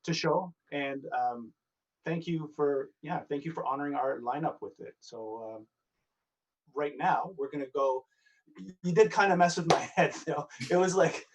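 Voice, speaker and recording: Male festival host, slightly high voice, sits back from the mic, stammers through thanks. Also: normal speed, slight background noise. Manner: stumbling, apologetic, stuttering. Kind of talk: hosting a live festival Q&A. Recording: distant from the mic.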